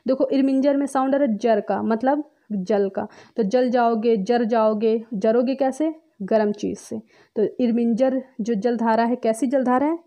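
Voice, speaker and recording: Brief: young woman teacher, chatty and playful, warm mellow voice, a little high. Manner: chatty and playful, acting out little scenes with rising pitch. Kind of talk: exam-prep memory-trick lesson.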